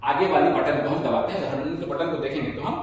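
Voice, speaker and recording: High-voiced man teaching songwriting, echoey. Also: slight background noise. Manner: sings lines slowly, then explains in brisk spoken bursts. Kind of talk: music lesson, explaining and singing song lines. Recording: echoey room, distant from the mic.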